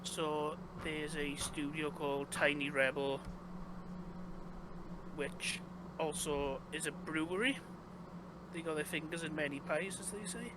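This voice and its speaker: This young game developer from Wales, a casual interview guest with a Welsh accent, rambles with lots of fillers and restarts. He has a slightly high voice and a measured pace broken by long pauses. The background is noisy.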